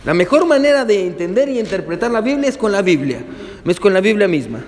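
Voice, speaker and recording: A male pastor preaches a sermon in a fairly high voice. He keeps putting questions to his listeners and calls them to turn with him to the verses. His words ring on in a long hall echo. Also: very animated, a little fast. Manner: asks the congregation rhetorical questions.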